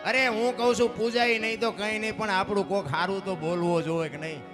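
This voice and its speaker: Brief: male folk storyteller, high-pitched, preachy and animated, live music under the voice. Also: brisk. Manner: animated, preaching, addresses listeners as bapu. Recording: live music playing behind.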